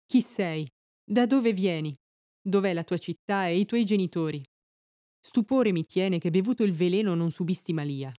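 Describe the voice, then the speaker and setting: A woman's voice: on the low side, moderate pace, mellow, no echo, clean studio sound, close to an everyday voice. A woman voicing an ageless, seductive and cunning goddess-enchantress in a reading of epic verse, with coaxing, formal delivery. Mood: pleading, coaxing. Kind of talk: epic poetry read aloud.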